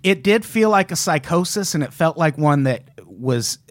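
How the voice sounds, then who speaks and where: A man's voice: on the high side, lively intonation, normal speed, no echo. A man co-hosting a casual podcast chat, telling a story with lots of swearing and quoting people in passing voices. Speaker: podcast co-host.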